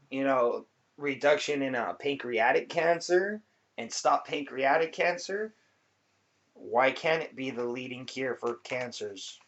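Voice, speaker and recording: A man's voice: mid-range voice, a bit bright. A man talking casually to viewers as a vlogger, explaining things in a laid-back, rambling way. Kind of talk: casual informal talk to viewers. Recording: dull lo-fi sound.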